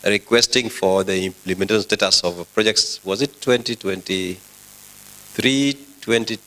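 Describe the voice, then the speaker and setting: A man with a Kenyan accent presiding over an assembly, formal and directive, with halting delivery. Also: on the low side, bright, forceful tone, poor audio. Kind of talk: formal parliamentary rulings. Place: assembly chamber.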